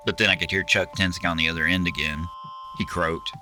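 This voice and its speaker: Low-pitched male author-narrator, sardonic delivery, very bright tone. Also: steady tone, brisk, a little hiss or hum. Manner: wry, sardonic storytelling. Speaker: author reading his own novel. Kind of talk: first-person audiobook narration.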